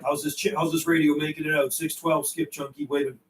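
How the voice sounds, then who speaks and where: With background noise audible, a Canadian man gives fairly quick, flat-sounding CB radio chat and call-outs in a slightly high voice. The casual, live exchange is friendly and informal, and he repeats call signs and channel numbers.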